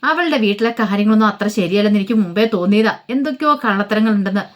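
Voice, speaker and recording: A woman's voice: mid-range voice, lively intonation, rapid-fire, dull audio, lightly acted. A woman voicing a scheming, spiteful woman who sneers with suspicion. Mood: sneering.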